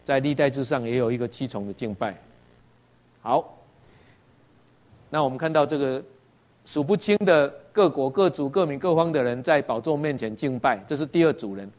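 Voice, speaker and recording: A man's voice: mid-range voice, normal speed, long pauses, darkish tone. A man from Taiwan with a Taiwanese Mandarin accent, preaching a sermon and often tagging lines with "ha" while asking his listeners questions. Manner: tags sentences with "ha" and asks the audience questions; acts out quoted dialogue in varied voices.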